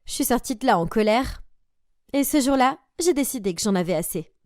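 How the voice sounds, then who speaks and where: A young woman narrating a story aloud in an animated, expressive way. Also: fairly high pitch, fairly quick, no room sound, clean studio sound.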